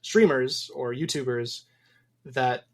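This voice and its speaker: Slow and mid-range in voice, this Wisconsin game developer is a guest in a relaxed podcast interview. He thinks aloud, wandering through his points with many ums.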